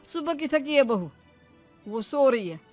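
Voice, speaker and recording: A woman's voice: sits high, animated, measured pace, a little mellow, dry recording, faint music behind. A woman voicing an easygoing, dismissive young husband and son in a cartoon story, who brushes worries aside. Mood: hushing. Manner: offhand, brushing things aside. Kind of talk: cartoon voice acting.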